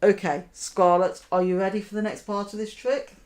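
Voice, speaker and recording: A woman magician giving card trick patter, deliberately talking her audience through each step and checking in with questions. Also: medium pitch, level tone, a little mellow. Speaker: magician, host.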